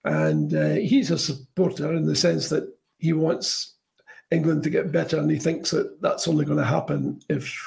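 Man, heavy gravelly creak, slightly high pitch, conversational interview host. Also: animated, normal speed, a little mellow. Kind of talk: informal interview.

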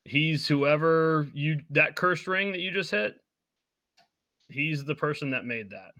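A man's voice: on the high side, slow pace, sharp tone, pitched above the performer's own voice, exaggerated voice. A man voicing a smug, taunting armored warrior spirit trapped inside someone's mind.

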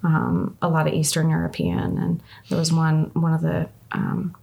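A woman's voice: low voice, level tone, normal speed, gravelly, darkish tone. A woman guest in a casual chat, making dry, teasing asides.

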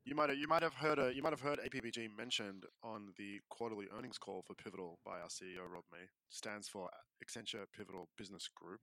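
An Australian man talking as a podcast guest in casual chat, quick and often restarting phrases as he explains. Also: lowish voice, gravelly, sharp tone, dry recording, poor audio.

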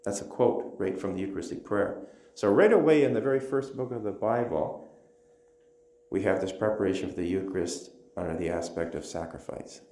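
Low-voiced man teaching scripture. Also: mellow, reverberant. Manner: measured, emphatic, quotes scripture aloud. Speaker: Bible teacher.

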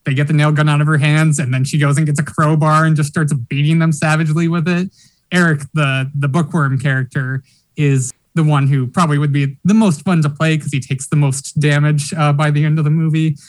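A man with a somewhat high voice talks through a film in a relaxed conversational chat. He gets eager as he explains, piling up details one after another. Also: a little fast. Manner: enthusiastic, detailed analysis. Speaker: podcast co-host. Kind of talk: casual film discussion.

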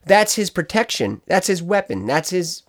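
A man's voice: high-pitched, moderate pace. Guy telling a crazy story on a podcast, rambly, keeps going on sidebars. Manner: rambling, self-interrupting, animated storytelling. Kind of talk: casual chat.

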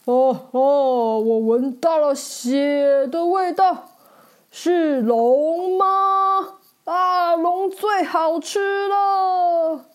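Woman doing a slow, menacing storybook giant, raised high pitch. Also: full character voice. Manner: slow, drawn-out threatening growl. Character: huge, hungry male giant, booming and greedy.

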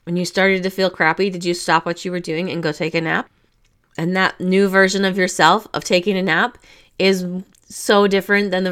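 Female host, motivational talk; smooth, clear delivery in a lower register, casual and repetitive encouragement. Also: fairly bright tone. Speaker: podcast host.

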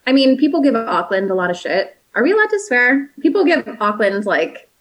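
A woman's voice: on the high side, very animated, a little fast, rough recording. A woman in her late twenties, originally from South Africa, chatting casually and upbeat as an interview guest, with lots of fillers and easy laughs.

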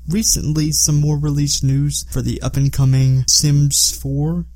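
A man's voice: a little high, flat delivery, measured pace, warm tone, no echo. A man hosting a podcast solo, talking casually in a rambling, self-deprecating way. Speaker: podcast host.

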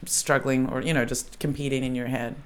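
A woman's voice: a bass voice, steady tone, fairly quick, clean tone. A woman, a comedian hosting a casual chat, who laughs often and trails off mid-sentence. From Australia. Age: 30s. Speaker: comedian and podcast host.

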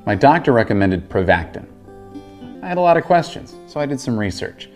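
A man's voice: mid-range voice, big pitch swings, fairly quick, soft background music. A man playing an earnest, worried husband in a parody drug commercial testimonial.

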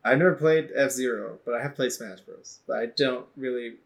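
A man's voice: medium pitch, normal speed, vocal fry. A man co-hosting a casual podcast, laughing often and swearing freely as he talks. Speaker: podcast co-host. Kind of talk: casual chat.

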